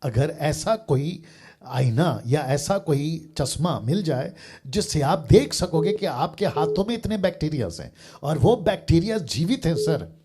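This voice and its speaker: A man's voice: a little high, darkish tone, a little hiss or hum. A man preacher talking with a caller on a live show, reasoning earnestly through everyday examples and often adding "sir". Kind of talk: live call-in Q&A.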